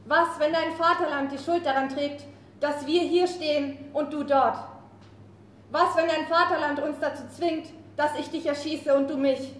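A defiant young rebel woman, read by a woman actor who hammers home accusing questions with passion. Her voice is high, and the live café recording gives it a roomy echo. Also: fairly even intonation, moderate pace, fairly bright tone, a little hiss or hum. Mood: impassioned. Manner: impassioned, accusing, rhetorical. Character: defiant young female rebel fighter, Zelda. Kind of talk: staged play reading.

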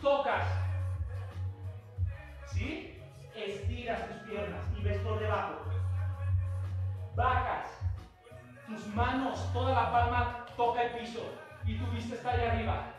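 A man with a Mexican accent leading an exercise class, encouraging students and loudly counting out repetitions. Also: very high-pitched, fairly even intonation, takes it slowly, long pauses. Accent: Mexican Spanish. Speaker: fitness instructor. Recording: echoey room, voice far from mic, faint music.

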